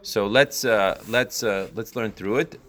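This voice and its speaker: A man's voice: on the low side, unhurried, a bit bright. A man giving an informal religious text lesson as a teacher, reading line by line, rephrasing and often checking in with short tag questions. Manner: explanatory, repeats and rephrases, checks with frequent "right?". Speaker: Torah teacher.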